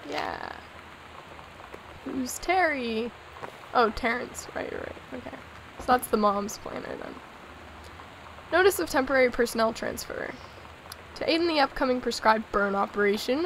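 A hoarse, sick young woman hosting a let's play, chatting and giggling as she reads in-game notes aloud. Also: on the high side, a little hiss or hum, low-quality recording. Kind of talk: casual gameplay commentary.

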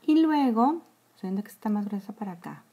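Animated and fairly quick, her warm mid-range voice comes with slight background noise. A Mexican-accented woman in her forties, she's a makeup vlogger doing a live tutorial in a small room, addressing viewers as girls in a chatty way and fading into whispers as she applies makeup, captured close by a phone or webcam.

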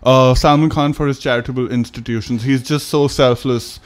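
A young man with an Indian English accent, co-hosting a comedy podcast with dry, teasing remarks and frequent pauses. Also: mid-range voice, steady tone. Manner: dry, teasing, hesitant with fillers. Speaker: podcast co-host. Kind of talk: casual comedic chat.

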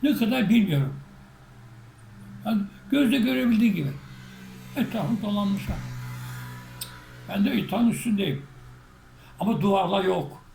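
A man tells a story with lively animation, acting out shouts and quotes as a spiritual teacher. His voice is high and gravelly. The room is echoey, with a faint hiss underneath. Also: moderate pace, pauses often. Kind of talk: recounting a personal story.

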